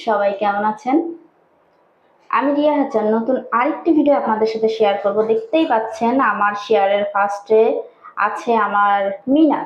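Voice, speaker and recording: A woman's voice: moderate pace, slight background noise. A woman vlogging at home, chatting to her viewers and coaxing her pet birds in a sing-song voice. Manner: coaxing, sing-song baby talk to the birds, rising high when calling them. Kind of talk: casual vlog chat, talking to her pet birds. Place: home, indoors. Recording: echoey room, dull lo-fi sound.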